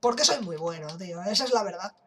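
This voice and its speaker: Fast and expressive, a young man's high-sitting voice delivers let's play commentary with a Spain Spanish accent, casual jokes, and the odd swear. The gaming YouTuber's recording is very noisy, with game music in the background.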